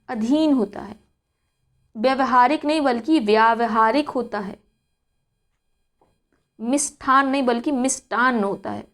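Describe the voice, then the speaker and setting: A woman teaching an exam-prep spelling lesson, explaining step by step and asking herself rhetorical questions before slowly repeating each word. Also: on the high side.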